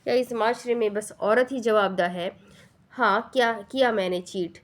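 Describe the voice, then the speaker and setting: A woman's voice: medium pitch, lightly acted. Woman doing a furious indignant mother. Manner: shouting, indignant. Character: furious mother of three, confronted and cornered.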